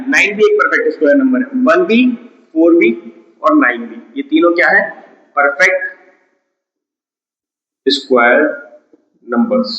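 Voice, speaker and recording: In a dull, lo-fi recording with room echo, a high-pitched man with a sharp tone walks students through math step by step. He frequently asks them a question, then supplies the answer himself.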